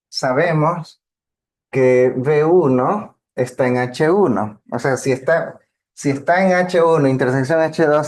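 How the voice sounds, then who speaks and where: A man gives a math lecture, working through each step patiently. He keeps checking in with his listeners as he goes, in a plain teaching voice. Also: medium pitch. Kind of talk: lecture on linear algebra.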